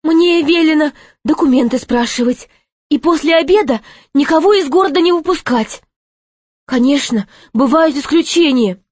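A woman's voice: sits high, moderate pace, no room sound, voice pushed up, natural voice. Lazy gate guard, drawling and long-winded, voiced by a woman. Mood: rambling. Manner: drawling, rambling.

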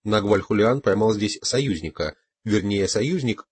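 A man reading a playful older male sorcerer in an audiobook, hushed and sly. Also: fairly low pitch, lively intonation, a little slow, husky, no echo. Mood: teasing.

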